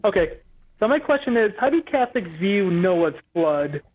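A man's voice: sits high, big pitch swings, moderate pace. Man calling in over a tinny phone. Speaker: caller. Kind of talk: call-in question. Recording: faint tinny phone line.

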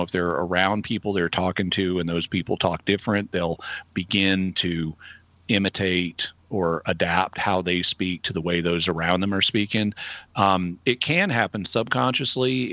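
A middle-aged man with a Southern Arkansas accent explains things in a conversational, analytical manner. His voice is fairly low yet distinctly bright and forceful, with deliberate, halting phrasing. The sound is dry and close, without room echo. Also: dull audio. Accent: Arkansas Southern American. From Arkansas, United States. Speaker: guest answering listener questions.

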